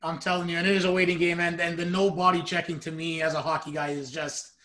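Guy with a pretty high voice, chatty sports podcast host. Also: little pitch movement, fast talker, bright, forceful tone, low-quality recording. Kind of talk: casual sports chat.

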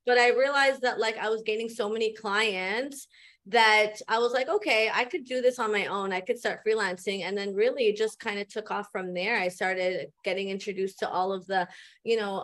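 Woman from Canada, podcast guest, casual storytelling, relaxed, lots of fillers. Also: medium pitch, moderate pace.

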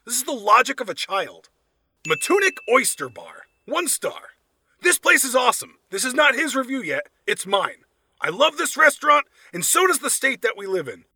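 A man's voice: extremely high pitch, sing-song, normal speed, bright, forceful tone, slightly rough, no echo. A man hosting a podcast, giving sarcastic, profane comedic commentary while reading reviews aloud. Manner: sarcastic, swears freely. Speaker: podcast host.

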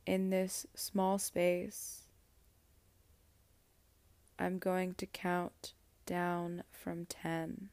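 Very slow, low-voiced meditation guide woman. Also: monotone, no echo. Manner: slow, soft, soothing delivery with long pauses.

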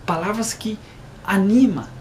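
A man's voice: high-pitched, unhurried, slight background noise. A man giving an informal devotional talk, chatty and plain, often tagging his sentences with a questioning aside. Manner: reads a verse, stumbles, rereads it. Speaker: lay preacher.

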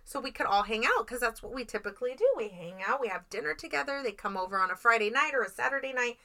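A woman's voice: on the high side, fast, gravelly. A middle-aged woman co-hosting a casual podcast, telling stories with lots of energy and swearing freely. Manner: animated storyteller who swears freely. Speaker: podcast co-host. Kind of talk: casual chat.

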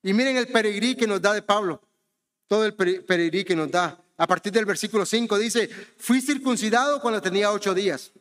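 A Honduran man preaches a sermon conversationally, his high-pitched, fairly bright voice moving fairly quickly through a big-room sound. He often turns to the congregation with questions, asking "¿verdad?" and calling them "hermanos."

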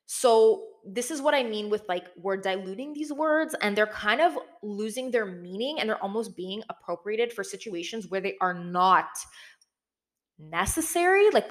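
A woman's voice: medium pitch, animated, moderate pace. A young adult woman gives casual, conversational commentary as a video host, sprinkling in "like" and "again", recorded in a big, sparsely furnished room that echoes. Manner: informal, conversational, frequent "like" and "again".

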